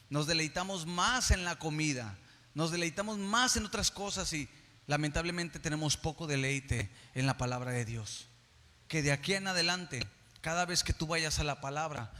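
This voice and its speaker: A man pastor with a Mexican Spanish accent, preaching an emphatic sermon that swings from soft to loud. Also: on the high side, in a large hall. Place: church hall.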